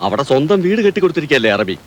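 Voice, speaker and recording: Brisk, lively village matchmaker man. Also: fairly high pitch. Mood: brisk, informative. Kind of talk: film drama dialogue.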